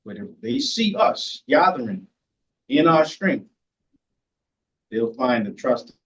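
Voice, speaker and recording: Man, panel guest, earnest and deliberate, mid pitch, dull recording. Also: big pitch swings, fairly bright tone. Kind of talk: reflective faith discussion. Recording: dull lo-fi sound.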